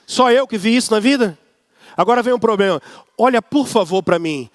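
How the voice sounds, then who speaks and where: A man's voice: sits high, animated, fairly quick, dry recording, studio quality. A man with a Brazilian accent preaching a sermon as pastor, emphatic and repetitive, often mimicking grumbling people. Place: church service.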